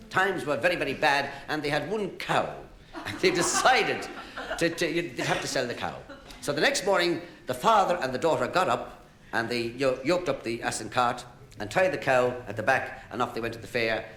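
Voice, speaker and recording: Irish man, stand-up comic, bright voice, bouncy up-and-down delivery, roomy echo. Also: medium pitch. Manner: chuckles at his own jokes. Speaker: comedian. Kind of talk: stand-up joke telling. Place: live show before an audience. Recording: roomy live-room echo.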